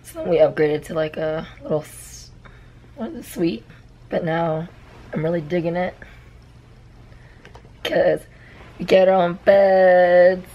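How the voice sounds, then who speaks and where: A young woman talks to the camera for her travel vlog, her voice hoarse and worn from being sick. She speaks slowly in a laid-back, chatty way, pitched a little low, with a faint hum of ambience behind her. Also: mellow, lo-fi sound. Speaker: vlogger. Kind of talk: casual vlog chat.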